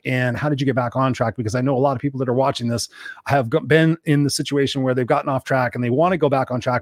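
A man's voice: medium pitch, no room sound, clean studio sound. A man in his fifties hosting an interview, joking and chatty, sometimes talking to himself. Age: 50s. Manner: joking, talks to himself, casual swearing. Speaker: host. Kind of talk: casual interview conversation.

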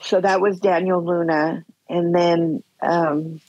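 Husky lower-voiced woman, middle-aged, telling it straight, dull lo-fi dry recording. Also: steady tone, slow, darkish tone, no echo. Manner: blunt, retells scenes with quoted dialogue. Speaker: podcast guest. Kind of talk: candid personal storytelling. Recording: dull lo-fi sound.

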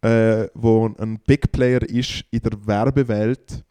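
A man's voice: on the low side, flat delivery, slow pace, dark tone, smooth. A man, chatting casually as a podcast co-host and telling long stories full of fillers. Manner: rambling storyteller, many fillers. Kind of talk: casual chat.

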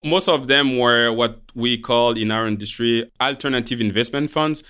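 A Haitian man, native in Creole and French, speaks with a Haitian French accent as a podcast co-host and portfolio manager, explaining his career in a conversational interview. His mid-range voice moves at normal speed and sounds pushed, bright, and smooth.

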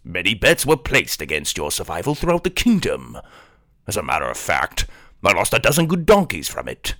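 Stingy old king in a kids' audio play, low and pompous, played by a man. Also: wildly swooping pitch, moderate pace, bright, forceful tone, no echo, clean studio sound, exaggerated voice. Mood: grudging. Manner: pompous, grudging.

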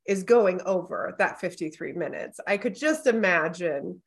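A woman's voice: lowish voice, expressive, measured pace, vocal fry. A woman co-hosting a podcast, coaching a guest in a candid, emphatic, conversational way. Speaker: podcast co-host and business coach.

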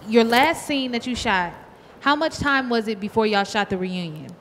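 A woman co-hosting a casual interview, asking drawn-out, structured questions. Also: a little high, a bit bright, big-room sound, slight background noise. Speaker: co-host.

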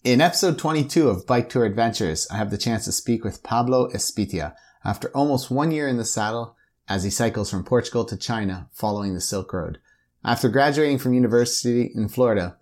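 A man hosting an interview podcast, reading a scripted intro and then asking relaxed questions. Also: fairly low pitch. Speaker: podcast host.

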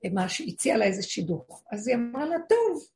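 With a mid-range, expressive voice, a woman teaches a religious lesson as a spiritual teacher, regularly asking her listeners rhetorical questions and dramatizing the voices of those she quotes.

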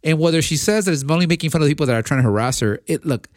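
Fast-talking man arguing his view. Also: on the high side, lively intonation, no room sound, studio quality. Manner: fast, restarts and repeats words, hedging. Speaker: podcast co-host. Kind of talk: casual opinion debate.

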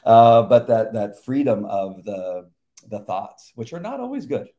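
A middle-aged man in casual faith talk, halting and emotional, laughing often as he shares. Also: on the low side, huge pitch swings, warm tone.

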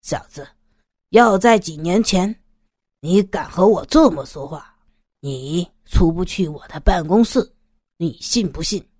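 A woman voicing an arrogant, fat, middle-aged male gangster boss who talks in a cold, menacing, swaggering way, with lively pitch in a dry recording. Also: unhurried, husky, dry recording.

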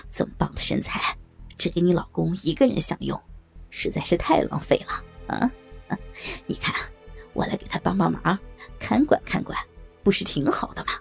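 A woman voicing a sly, smug old man in a dramatized audio story, speaking low and gloating with chuckles. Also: sing-song, moderate pace, vocal fry, slightly rough, faint music behind, exaggerated voice.

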